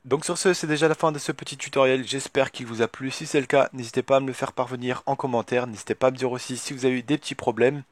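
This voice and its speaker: A man talking casually through a software tutorial at his computer, hesitant and full of filler words as he thinks aloud. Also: mid-range voice, fairly even intonation, fast talker, few pauses. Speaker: tutorial youtuber.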